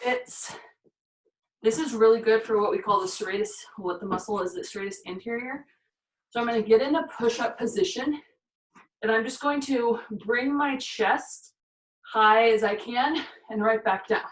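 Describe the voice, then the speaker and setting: A woman leads a workout demonstration, talking each move through as she does it and a little out of breath. Her voice sits somewhat high. She is recorded from a distance in an echoey room. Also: moderate pace. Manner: talks through each move while doing it, counting reps. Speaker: fitness instructor. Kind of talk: exercise demonstration. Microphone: camera mic from a distance. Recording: echoey room, voice far from the mic.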